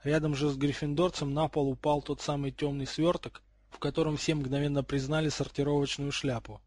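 A man narrating a storybook with a steady, expressive reading. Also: on the high side, brisk, no room sound. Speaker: audiobook reader.

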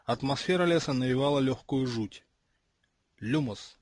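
A man narrating an audiobook in a measured storytelling manner, with a slightly husky voice. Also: mid-range voice, no echo. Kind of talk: scripted narration.

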